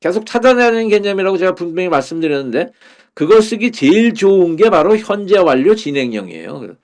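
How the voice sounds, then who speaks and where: With a high, sing-song, slightly mellow voice, a man uses Korean to teach English Bible verses. He goes slowly, says the English phrases over again, and relies heavily on filler words.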